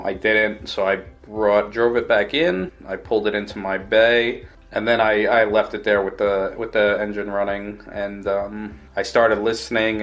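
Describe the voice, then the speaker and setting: A man working as an automotive technician, recounting his work in a plain, matter-of-fact way in a casual interview. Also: on the low side.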